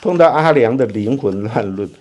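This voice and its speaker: A man's voice: medium pitch, animated, moderate pace, darkish tone. A middle-aged man with a Taiwanese Mandarin accent chatting casually as an interview guest, offhand and blunt. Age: middle-aged or older. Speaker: guest, volunteer firefighter. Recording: music playing behind the talk.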